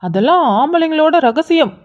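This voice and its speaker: A woman's voice: high voice, lively intonation, moderate pace, voice pushed down. A woman voicing a playful young male college senior who teases. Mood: teasing. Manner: playful, teasing. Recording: dull lo-fi sound.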